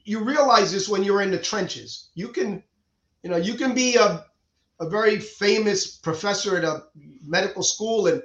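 High-voiced and speaking at a moderate pace, this middle-aged surgeon from Cuba is a guest in a conversational interview. He explains his views earnestly, often breaking off to restart a sentence. The recording has echoey, dull, lo-fi room sound.

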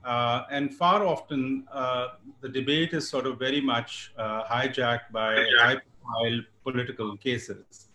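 A man's voice: medium pitch, fairly even intonation, measured pace, bright, forceful tone, slight background noise. Echoey man on a panel. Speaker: expert panelist. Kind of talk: formal, considered discussion. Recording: roomy, echoey webinar audio.

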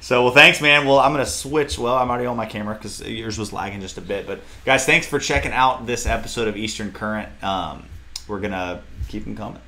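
A man's voice: lowish voice, a little fast, bright, forceful tone. A man hosting a podcast in a casual, informal, agreeable and laid-back way. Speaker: podcast host. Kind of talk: casual chat.

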